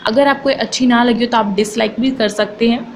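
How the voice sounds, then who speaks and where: Woman, teacher, fairly high voice, slow careful reading of options, chatty explaining, exam-prep lesson. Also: steady tone, slight background noise, low-quality recording. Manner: reads English options slowly and deliberately, explains in chatty Hindi.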